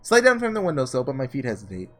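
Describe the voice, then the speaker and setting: A fast-talking man with a medium-pitched, somewhat bright voice and wildly swooping pitch reads a visual novel aloud in a casual let's-play, commenting as he thinks. Music plays in the background.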